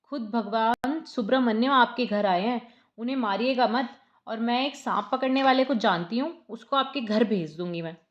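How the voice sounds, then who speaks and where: A woman's voice: on the high side, normal speed, highs cut off, close to an everyday voice. Woman doing a pious beggar woman, all eager, storybook retelling. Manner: eager, devout.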